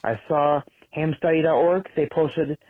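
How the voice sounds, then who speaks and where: A podcast listener with a fairly high voice and fairly even intonation leaves a rambling, chatty voicemail, speaking a little slowly with many ums and uhs. It plays back through a tinny phone line, with no echo.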